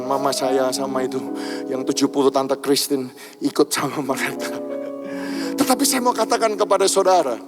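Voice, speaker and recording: High-voiced man preaching over music. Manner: storytelling, rising to impassioned shouting. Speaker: pastor. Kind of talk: sermon. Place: church sanctuary.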